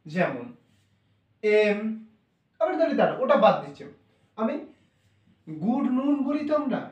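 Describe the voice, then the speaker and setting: A high-voiced man teaches phonics, going over each point more than once and checking in with an "okay" as he goes. He speaks a little way off the mic, so the room rings with echo. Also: big pitch swings, unhurried, darkish tone, far from the mic, lo-fi sound. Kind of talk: spoken English phonics lesson.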